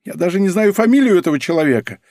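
Brief: nervous cowardly clerk, read by a man, husky whining mutter, pitched high, bone-dry studio sound. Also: big pitch swings, very fast, darkish tone, dry recording. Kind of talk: audiobook character voice.

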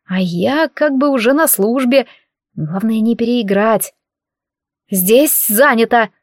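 A woman's voice: on the high side, expressive, a little slow, a little mellow, dry recording, clean studio sound. A woman narrating a comic fantasy audiobook in first person, with a wry, ironic manner.

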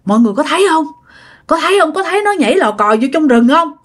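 A woman voicing a drunk, frightened old village man who shouts and curses. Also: high-pitched, sing-song, fast talker, pitched above the performer's own voice. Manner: panicked shouting and drunken cursing.

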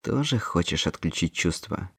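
A man voicing a guarded young man who speaks quietly and carefully in an audiobook. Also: low voice, expressive, breathy edge, no room sound, clean studio sound, exaggerated voice. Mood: wary, flat. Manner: quiet, measured, wary.

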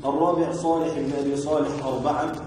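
A man reads a classical text aloud for his teacher, moving steadily through names and lists. His voice sits slightly high but sounds dark and mellow. The room is heavily reverberant, with faint noise underneath. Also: flat delivery, fast. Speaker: student reading the text aloud. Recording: very echoey hall with faint noise.

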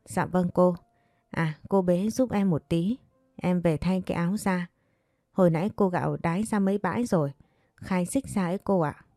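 A woman's voice: fairly low pitch, moderate pace, mellow, no echo, studio quality, faint music behind, close to an everyday voice. Woman doing a meek pleading servant girl. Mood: deferential.

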